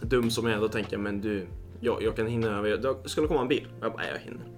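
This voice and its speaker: A man's voice: fairly low pitch, soft background music. A young man co-hosting a casual podcast, telling stories with lots of fillers and swearing. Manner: excitable storyteller, swears a lot, lots of fillers. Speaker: podcast co-host. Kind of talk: casual podcast chat, storytelling.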